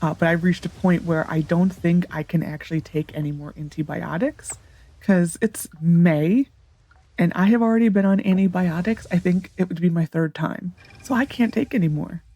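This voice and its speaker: The sound is lo-fi, carrying a woman's mellow, fairly low voice at a moderate pace, stuffy and nasal. She's a let's play gamer casually thinking aloud through a farming game, with many ums and restarts.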